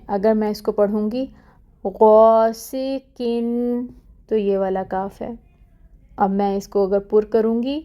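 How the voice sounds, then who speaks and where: Woman teacher drilling Quranic pronunciation. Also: medium pitch. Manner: explains quickly, then recites each example word slowly and louder; often checks in with "theek hai". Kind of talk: online recitation lesson.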